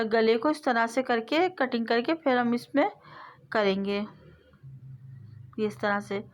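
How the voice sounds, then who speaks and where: A woman hosting a sewing tutorial, explaining each step patiently in a voice-over and repeating her phrases. She often lets her voice trail off softly at the end of a step. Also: a little high, muffled recording. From South Asia. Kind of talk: instructional voice-over.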